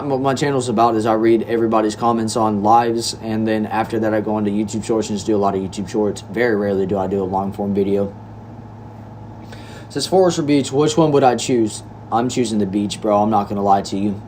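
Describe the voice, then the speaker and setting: A nineteen-year-old from Texas, United States, reads viewer comments aloud on a livestream in an indoor room, his voice fairly low and a little mellow. He's laid-back and chatty, calling viewers bro and y'all. There is slight background noise.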